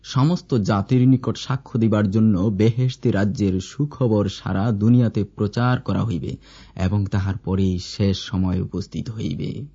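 A man reading scripture aloud in a measured, formal recitation. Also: lowish voice, fairly even intonation, dark tone, husky. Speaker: scripture reader. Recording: dull lo-fi recording.

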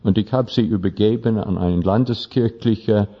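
A male pastor telling a story in a sermon, speaking halting German with slips and restarts. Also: lowish voice, slightly rough. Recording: dull lo-fi recording.

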